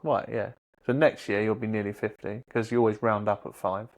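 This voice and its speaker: A man in his thirties co-hosting a casual podcast chat, swearing a lot and jumping high in pitch when he argues. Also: little pitch movement, fairly quick. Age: 30s. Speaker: podcast co-host.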